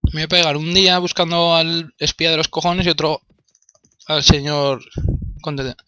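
Exasperated young Spaniard swearing at a game. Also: male voice, on the high side, little pitch movement, moderate pace, pushed and bright, clear, resonant tone, no room sound. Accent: Spanish from Spain. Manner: exasperated, swears often, talks to himself. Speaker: gameplay commentator. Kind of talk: let's play commentary.

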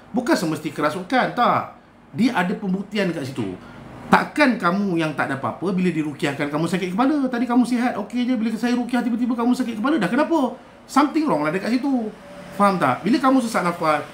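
A man with a Malaysian Malay accent speaks in a somewhat high voice, lecturing his live-stream viewers like a spiritual healer. He preaches with rhetorical questions and exasperated asides. The room is roomy and echoing, with a faint hum of ambience behind him. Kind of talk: casual live-stream monologue.

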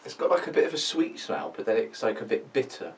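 A man's voice: mid-range voice, lively intonation, fast. A British man in his twenties chatting casually and bantering as co-host of a review video. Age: 20s. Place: small indoor room. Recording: slightly distant microphone.

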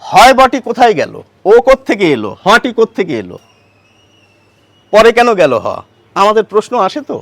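A man's voice: sits high, wildly swooping pitch, moderate pace, pauses often, a bit bright, dry recording. A man teaching a pronunciation lesson, patiently posing questions and then answering them himself. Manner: patient, asks and answers his own questions. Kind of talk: explanatory grammar lesson.

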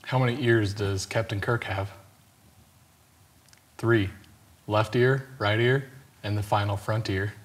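Deadpan younger man with a lowish voice. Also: slow, pauses often, a little hiss or hum. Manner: deadpan, trying to keep a straight face. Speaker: contestant in a joke-telling challenge. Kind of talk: telling short pun jokes conversationally. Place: indoor studio set.

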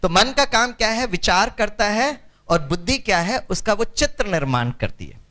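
Animated man lecturing. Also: sits high, normal speed. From Kerala, India. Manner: animated, mixes Hindi and English, calls for audience responses. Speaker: meditation speaker. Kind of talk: spiritual lecture to an audience.

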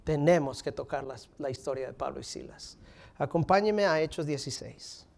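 Animated preacher man, higher voice. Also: moderate pace, creaky. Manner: animated preaching, dropping to near whispers for emphasis. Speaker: pastor. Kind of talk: sermon. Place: stage in front of a curtain, indoors.

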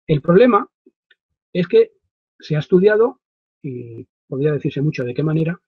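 This webinar presenter has a husky, slightly high voice and is very animated, yet he lectures deliberately and emphatically, pausing often in a semi-improvised explanation. Recorded indoors in a small wood-panelled home study through a desk-distance webcam microphone, the sound is dull and roomy.

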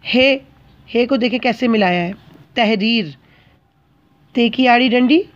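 A woman's voice: a little high, slow pace, lo-fi sound. A woman teacher giving a patient, step-by-step handwriting lesson to children, often checking that they follow.

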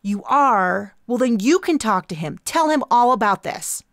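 A fiery young woman in her twenties corners people with her grievances, jabbing out each point. Her voice runs high and insistent with a gravelly grain, as a woman narrator puts her on. It is recorded close and dry. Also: lively intonation, no room sound. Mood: indignant. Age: 20s. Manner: insistent, accusatory, rapid-fire pitch. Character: intense young woman activist, pushy and indignant.

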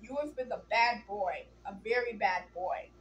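A woman's voice: medium pitch, measured pace, echoey room, lo-fi sound, slight background noise, lightly acted. A woman voicing a weird boy dressed as a werewolf, speaking in a spooky, mysterious way.

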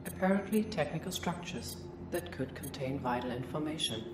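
A woman voicing a calm ship computer, formal and measured, with synthetic processing, in a scripted game announcement. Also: sits low. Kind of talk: scripted briefing and system announcements. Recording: echoing voice over game music.

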